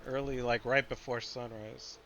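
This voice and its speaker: A man's voice: medium pitch, fairly even intonation, normal speed, creaky, a bit bright. A man acting as game master, casually narrating a tabletop game. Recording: dull lo-fi audio, faint music. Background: faint music.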